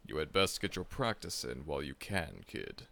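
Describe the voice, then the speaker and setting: In an ASMR audio roleplay, a man voices a seasoned, confident monster hunter who mentors the listener in a friendly way, reassuring them, calling them kid, and chuckling often. His full character voice is very deep, creaky, and sharp, with a sing-song lilt at a moderate pace. The mood is encouraging.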